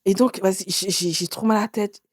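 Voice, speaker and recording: Woman in her 40s telling her story to an interviewer, mid pitch, acts out the other people, dry close sound. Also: brisk, no echo. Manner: animated, acts out others' words with sudden pitch jumps. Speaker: author and interview guest.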